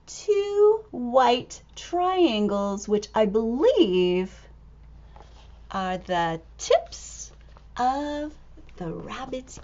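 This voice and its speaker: Her slightly high voice brings a picture book to life for young listeners, full of exclamations, elongated words and quiet side comments. The recording has its high frequencies cut off.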